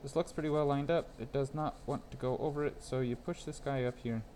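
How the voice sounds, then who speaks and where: A man's voice: medium pitch, fairly even intonation, a little fast, mellow, slight background noise. A young man chatting casually with viewers on a live stream while repairing a phone at his workbench, rambling and laughing as he goes.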